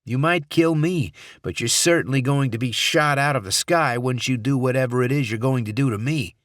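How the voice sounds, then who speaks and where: Brief: desperate, defiant hostage senator, voiced by a man, pitched up and strained. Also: moderate pace, a bit bright, no room sound, clean studio sound, close to an everyday voice.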